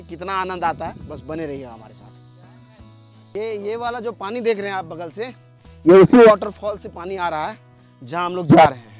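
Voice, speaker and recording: High-voiced man vlogging outdoors. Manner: lively, addresses viewers directly, chats with passers-by. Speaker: travel vlogger. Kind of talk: on-location travel vlog commentary. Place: outdoors on a forest trail by a waterfall. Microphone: camera filmed by a companion while walking.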